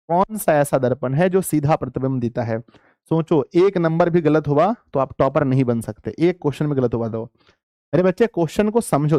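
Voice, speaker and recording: A man's voice: a little high, a little mellow, dry recording, studio quality. A man teaching a live online class, coaxing his pupils like dear children and repeating phrases for emphasis.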